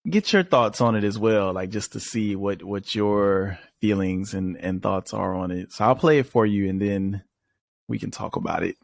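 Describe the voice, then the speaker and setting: A man's voice: fairly low pitch, vocal fry, dry recording. A man hosting a podcast, talking in a laid-back, casual way with lots of fillers. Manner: laid-back, many fillers like "you know". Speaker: podcast host. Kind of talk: casual interview chat.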